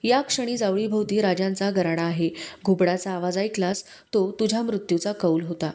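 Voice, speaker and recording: A woman's voice: mid-range voice, normal speed, darkish tone, natural voice. A woman reading the lines of a proud male royal envoy who speaks formally and defiantly. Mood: stern.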